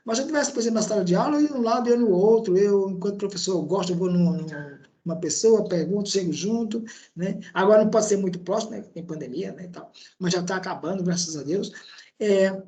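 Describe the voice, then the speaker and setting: A man's voice: sits high, fast, dark tone. A man with a Brazilian accent giving an online lecture as an instructor. He talks in a conversational way, with frequent tag questions and hesitations. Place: indoor room at a laptop. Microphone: laptop microphone.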